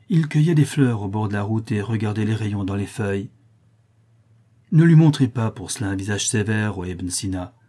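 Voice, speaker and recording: A man's voice: lowish voice, warm tone, breathy edge. A man voicing a fervent, greedy young male disciple of an alchemist, in an imploring, feverish manner. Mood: pleading. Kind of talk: audiobook character reading.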